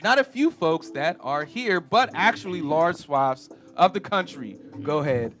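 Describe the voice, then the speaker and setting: A man's voice: fairly high pitch, lively intonation, a little slow, fairly bright tone. A man hosting a casual panel talk show, reading viewer comments with many fillers and hesitations. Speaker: host.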